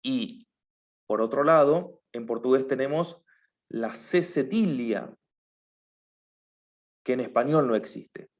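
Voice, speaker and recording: A male teacher talks his students through a lesson at an even, unhurried pace. His voice sits at a middle pitch. He keeps checking that everyone is following. The recording is muffled and lo-fi. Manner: explains patiently, often checks with a questioning "right?". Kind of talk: online class lecture.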